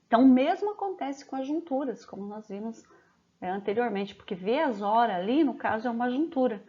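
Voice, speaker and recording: Brazilian woman, teacher trainer, slightly high voice, patient explainer, dull lo-fi audio. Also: lively intonation, dark tone. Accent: Brazilian Portuguese. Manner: explanatory, frequent "né?" tag questions, slows down to dictate phrases. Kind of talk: recorded training lesson for teachers.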